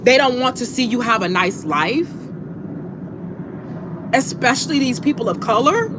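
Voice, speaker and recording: High-pitched, animated woman talking while eating. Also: measured pace. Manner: blunt, profane, slangy, emphatic repetition. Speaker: livestream host talking to viewers. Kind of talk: casual, impassioned monologue to viewers. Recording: clear background noise.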